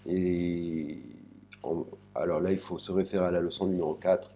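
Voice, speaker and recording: A man teaching a language lesson, slowly spelling out sounds and syllables one by one. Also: low-pitched, flat delivery, dark tone, slight background noise. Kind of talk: spoken lesson.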